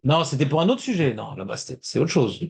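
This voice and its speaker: A man's voice: mid-range voice, very animated, quick pace, vocal fry, breathy edge. A man teaching a Talmud class, talking emphatically and repeating his points as he explains. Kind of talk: lively Talmud class discussion.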